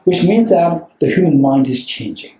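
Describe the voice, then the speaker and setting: A man's voice: fairly high pitch, lively intonation, moderate pace, warm tone. Man giving a talk in an echoey room. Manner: conversational, checks in often with "right?" and "okay"; repeats phrases for emphasis. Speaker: Buddhist teacher. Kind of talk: dharma talk to a live audience. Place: room with a live audience. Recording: roomy echo.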